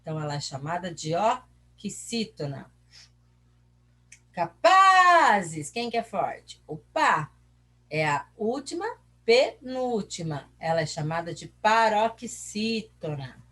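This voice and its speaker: Slow, husky Brazilian woman teacher. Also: lowish voice, lively intonation. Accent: Brazilian Portuguese. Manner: slow, stretched-out syllables, asks and answers her own questions. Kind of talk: recorded class lesson.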